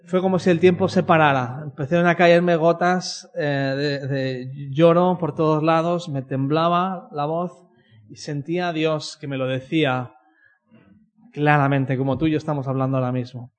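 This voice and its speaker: A man's voice: on the high side, steady tone, moderate pace. A man from telling a personal faith story in a conversational way, often ending his sentences with a questioning "no?". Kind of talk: personal testimony talk.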